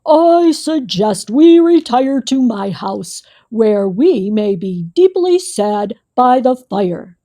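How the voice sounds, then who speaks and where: A woman voicing a gruff, grumpy male bear in a storybook reading, slow and pompously formal. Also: fairly high pitch, big pitch swings, warm tone. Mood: grand.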